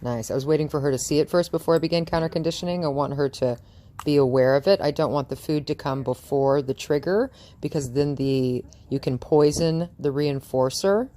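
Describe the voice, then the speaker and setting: A woman's voice: low voice, a little fast, dark tone. A woman dog trainer chatting through a training session outdoors in front of a house, cooing praise at the dog and laughing often.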